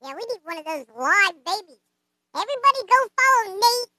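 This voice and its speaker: A man's voice: extremely high pitch, sing-song, fairly quick, pushed and bright, no echo, exaggerated voice. A performer voicing a brash, flirty male blue puppet who hosts a live stream, cracking crude jokes and cackling often. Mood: chatty, playful.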